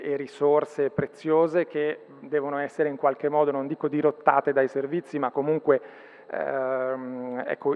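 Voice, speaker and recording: A man giving a formal conference presentation, pausing often with fillers. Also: medium pitch, clean tone. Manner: hesitant, many fillers. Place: large conference hall. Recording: tinny sound with long hall reverb.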